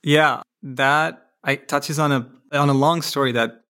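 A man's voice: medium pitch, steady tone, a little slow, bright, forceful tone, smooth. A man in his twenties from India, a podcast guest talking modestly and reflectively in a casual interview. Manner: modest, reflective, with fillers and restarts. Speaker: podcast guest, PhD student.

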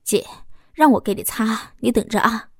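A woman voicing a young man who is a teasing, devoted lover, speaking in a sly, soft, intimate way. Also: fairly high pitch, normal speed, breathy edge, no room sound, clean studio sound. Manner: playful, sly, softly intimate.

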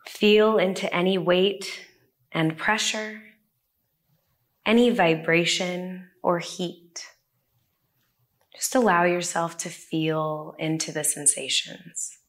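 A woman guides a body-scan meditation in a gentle, soothing voice. Her voice sits a little low, and she speaks very slowly, leaving long pauses between phrases. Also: steady tone. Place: a room with the listeners present.

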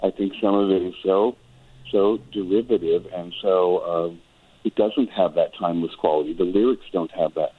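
A very low-voiced older man from Wisconsin chats as a radio guest, thoughtful and meandering, often restarting his sentences. His voice comes through thin and tinny, like a phone line. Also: steady tone, normal speed, husky. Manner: reflective, rambling with frequent restarts. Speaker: guest musician and choral director. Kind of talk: radio interview chat.

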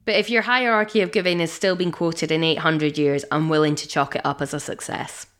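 A woman's voice: deep voice, steady tone, a little fast, fairly bright tone. A woman co-hosting a casual podcast, teasing her co-host in a playful way.

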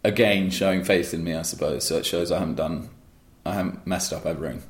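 A man's voice: deep voice, fast talker, reverberant. A man being interviewed about founding his own rum brand, talking in long, rambling answers full of restarts and fillers. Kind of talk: conversational interview.

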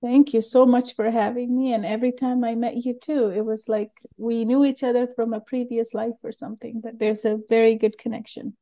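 Mellow-voiced middle-aged woman guest. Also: fairly high pitch, level tone, brisk, few pauses. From Sri Lanka. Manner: open, earnest storyteller with loose rambling phrasing. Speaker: guest, learning method creator. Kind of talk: candid personal interview.

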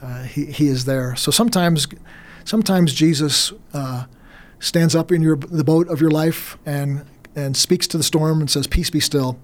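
Earnest middle-aged man, higher-pitched voice. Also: a little slow. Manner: earnest, with frequent restarts and repeated words. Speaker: guest minister. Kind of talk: faith interview, earnest testimony.

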